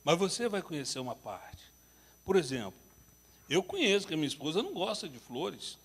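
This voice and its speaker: Man, couples workshop teacher, lively swooping voice, gravelly edge. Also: fairly high pitch, a little fast. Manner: animated storytelling, self-deprecating humor. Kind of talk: church workshop teaching with humorous anecdotes. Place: church hall. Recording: reverberant church hall.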